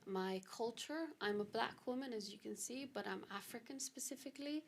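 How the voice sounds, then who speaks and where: A woman from Britain speaking on an online panel over a video call. Her voice sits a little high and has a gravelly fry to it. She talks earnestly and directly. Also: a little fast, slight background noise.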